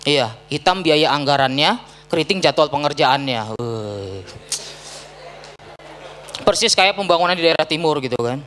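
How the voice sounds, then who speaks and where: A young man from Bekasi doing a deadpan stand-up set on an auditorium stage, with punchy set-ups and acted-out quotes. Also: on the high side, a little fast, slight background noise. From Bekasi, Indonesia. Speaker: stand-up comedian.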